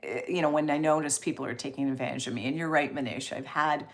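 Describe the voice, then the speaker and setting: A woman with a low voice speaks quickly as she hosts a casual live stream. She reads and answers comments, chatting in an encouraging, expressive way.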